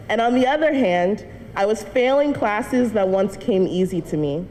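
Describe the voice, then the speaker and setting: Expressive and a little slow, this young woman's mid-range, darkish voice carries an earnest personal testimony to a church congregation, broken by light laughs. She is a student speaking in a church hall, recorded with long reverb and faint noise.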